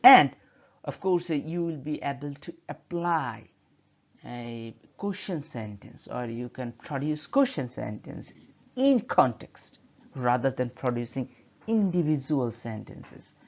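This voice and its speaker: A man's voice: medium pitch, sing-song, slow pace, a little mellow. Hesitant Bengali-speaking man teaching grammar. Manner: hesitant, many fillers and restarts. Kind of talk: narrated slideshow lecture. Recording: slightly dull lo-fi audio.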